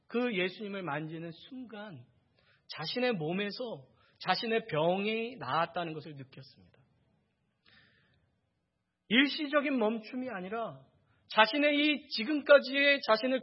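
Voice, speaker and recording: A male pastor with a high, breathy-edged voice delivers a sermon. He presses his points by repeating phrases and asking questions of his listeners. The recording sounds muffled and lo-fi. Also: lively intonation, normal speed. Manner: asks the congregation rhetorical questions; builds emphasis through repeated phrases.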